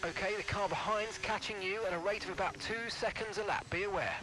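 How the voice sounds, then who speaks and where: Brisk race engineer speaking through race car team radio, in a rather high voice for a man. His instructions come short and clipped. The game audio around him is noisy, with engine hum underneath.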